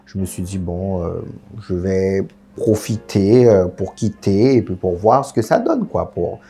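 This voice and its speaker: Deep, husky and mellow, this young man's voice is expressive and a little slow. Originally from French Guiana, he chats candidly as a guest in a casual interview, sharing his story with lots of fillers.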